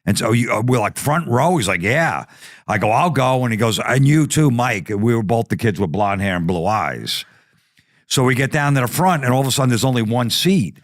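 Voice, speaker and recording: A man's voice: medium pitch, a little fast, no echo, clean studio sound. A man telling a comedic story on a podcast, swearing freely and acting out the voices of people in it. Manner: animated, profane, acts out quoted voices. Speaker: podcast guest.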